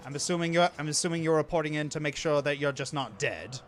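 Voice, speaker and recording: A man playing a gruff, blunt and sardonic military captain in a tabletop fantasy game. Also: a little high, fast talker, close to an everyday voice. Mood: dry, blunt. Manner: gruff, curt.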